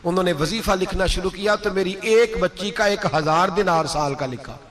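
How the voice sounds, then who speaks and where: A man's voice: high voice, moderate pace, a bit bright. A man with a Pakistani Urdu accent preaching a sermon, telling a moral story with impassioned rising peaks.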